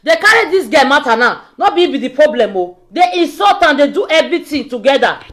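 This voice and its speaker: A high, very animated female voice with a West African accent rants informally in pidgin, in a roomy echo. She scolds like a social media vlogger, hammering rhetorical questions again and again. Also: a little fast. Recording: echoey, roomy sound.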